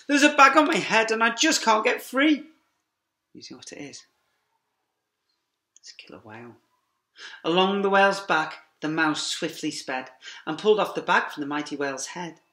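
Filmed on a laptop webcam in an echoey classroom, a middle-aged man who teaches young children reads them a rhyming picture book at a moderate pace. His voice sits high, his delivery is lively and sing-song, and he slips in quiet asides to the kids.

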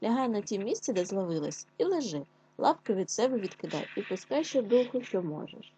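A woman's voice: medium pitch, big pitch swings, brisk, dark tone, slight background noise, lightly acted. A woman voicing a timid, kind little hedgehog in a children's tale. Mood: calm, advising.

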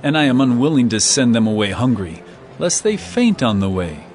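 An actor playing Jesus as an earnest, authoritative teacher, declaiming in a dramatized Bible reading. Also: male voice, mid-range voice, big pitch swings, moderate pace, darkish tone, lightly acted. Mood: compassionate.

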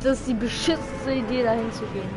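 A woman's voice: fairly high pitch, fairly even intonation, quick pace. Insistent woman teammate, noisy audio. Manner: insistent, bossy with instructions. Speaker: teammate in the game. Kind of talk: casual gaming chat.

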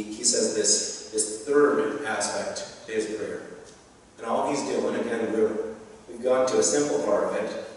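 A young pastor preaches from a church pulpit in a lowish voice, earnest and encouraging, with light humorous asides. Picked up by the pulpit microphone, he sounds distant in the echoey sanctuary, with slight background noise.

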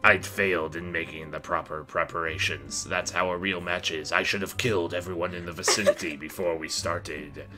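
A man playing a calm, honorable young samurai warlord in a visual novel, speaking in a measured, resigned way. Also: deep voice. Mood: calm, firm. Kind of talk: visual novel character dialogue. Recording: background game music.

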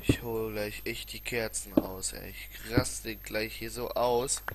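A man's voice: lowish voice, steady tone, unhurried. A man giving casual gameplay commentary as a let's player, muttering and grumbling in colloquial exclamations. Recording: clearly noisy home recording with clicks.

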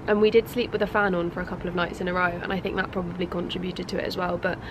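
Out on a balcony, a young British woman with a blocked-up voice chats informally and rambles to camera for her lifestyle vlog. She talks very fast in a lowish, level tone over a noisy background.

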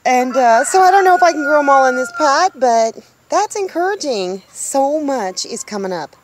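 This casual outdoor vlog features a woman in her fifties, a homesteader, talking to a handheld camera about her garden in a rural yard by a tiny house. Her high-pitched, animated voice moves at a moderate pace over background noise. Chatty and upbeat, she keeps exclaiming at little finds.

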